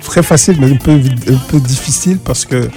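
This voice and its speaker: A man's voice: medium pitch, moderate pace, music in the background. A middle-aged man from Côte d'Ivoire, answering interview questions in a hesitant way with many restarts and fillers. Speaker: interview guest. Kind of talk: casual interview talk.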